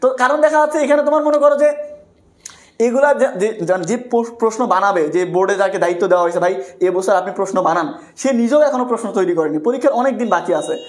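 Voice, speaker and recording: Brisk teasing Bangladeshi man teacher. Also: very high-pitched, a little mellow, roomy sound. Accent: Bangladeshi Bengali. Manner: brisk, teasing, repeats himself to drill students. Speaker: exam-prep English teacher. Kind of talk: live online class.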